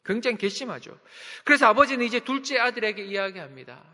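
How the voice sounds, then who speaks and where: A man's voice: very high-pitched, expressive, fast, pushed and bright, big-room sound. A man preaching a sermon as a pastor, emphatic, with sudden drops in volume.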